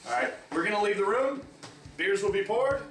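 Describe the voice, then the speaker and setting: A man's voice: high voice, very animated, a little fast, fairly bright tone. A man co-hosting a beer review show, chatting in a joking, laid-back way with filler sounds. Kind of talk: casual chat. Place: home room. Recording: echoey room, mic at a distance.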